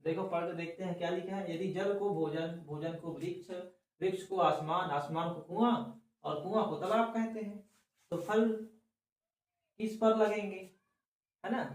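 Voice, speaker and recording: A man teaching a class for exam students, his high voice ringing through a very echoey room. He is some distance from the mic. He talks slowly through each step, asking questions and answering them himself. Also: fairly even intonation. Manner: drawn-out explaining. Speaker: reasoning teacher.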